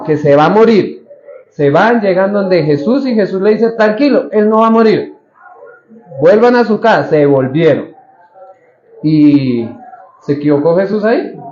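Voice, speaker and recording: A man's voice: sits high, darkish tone. A man preaching a sermon as pastor, speaking conversationally, asking the congregation questions and acting out the lines of Bible figures. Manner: acts out the Bible figures' lines in quoted voices. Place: church hall. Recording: roomy, slightly dull church recording.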